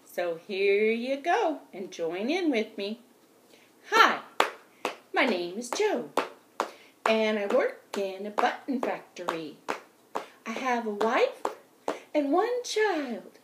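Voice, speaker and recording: A middle-aged woman, a children's librarian, leading a storytime finger play in an animated, sing-song way, filmed on a laptop webcam in a small room at home. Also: a little high, takes it slowly, pauses often, background noise. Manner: animated, sing-song chanting with big hand gestures.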